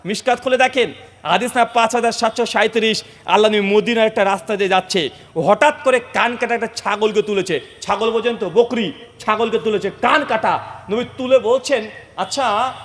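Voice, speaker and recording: A man's voice: high-pitched, fairly bright tone, in a large hall. A male preacher, telling religious stories dramatically and asking his listeners questions. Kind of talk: sermon.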